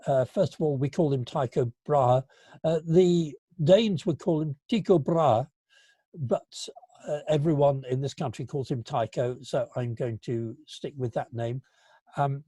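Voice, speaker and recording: Husky-voiced man in his seventies. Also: mid-range voice, dry recording. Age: 70s. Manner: halting, with frequent fillers and restarts; dry, gentle humour. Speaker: guest speaker at an astronomy club. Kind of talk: illustrated lecture to a club.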